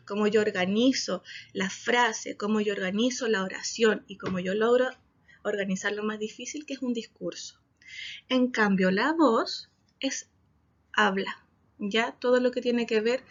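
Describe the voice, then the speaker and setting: A woman speech therapist, explaining to parents in a workshop and checking in often with short asides. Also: a little high. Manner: explanatory, frequent "¿ya?" check-ins. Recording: dull lo-fi recording.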